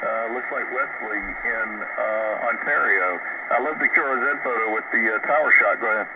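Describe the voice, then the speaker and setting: A man's voice: fairly low pitch, moderate pace, distant mic. Man calling on a noisy shortwave radio. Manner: easygoing, frequent "uh" fillers, spells call signs phonetically. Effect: voice heard over a shortwave radio receiver. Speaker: ham radio operator. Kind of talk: taking calls on an amateur radio frequency.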